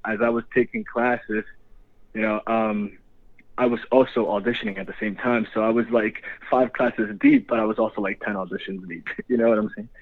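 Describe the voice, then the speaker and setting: A man's voice: fairly low pitch, expressive, normal speed. A young man from the Dominican Republic, a guest actor chatting casually, laid-back and laughing often. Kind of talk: casual interview. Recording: tinny phone line.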